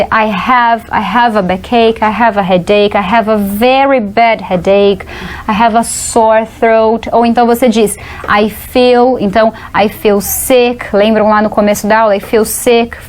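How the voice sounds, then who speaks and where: A Brazilian woman teaching an English lesson on TV, slowing down to model English words carefully. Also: a little high. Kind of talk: TV English lesson for Portuguese speakers.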